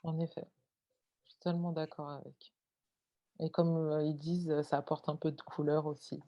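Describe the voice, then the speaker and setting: A woman with a very low, mellow voice hosts an interview, asking long questions and pausing often on fillers. The sound is dull and muffled. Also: level tone. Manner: halting, many fillers. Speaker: podcast host.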